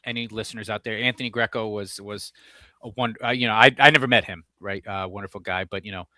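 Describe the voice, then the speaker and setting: A man co-hosting a sports podcast, chatting casually in an upbeat way with quick agreeing interjections. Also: on the low side, steady tone, bright, forceful tone, no echo. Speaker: podcast co-host.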